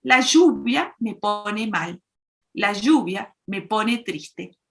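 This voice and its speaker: A woman's voice: mid-range voice, expressive, drawn-out words, creaky, a bit bright, soft background music, exaggerated voice. A woman voicing a tearful grown man who blames the rain for his sadness, speaking plaintively. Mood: sorrowful.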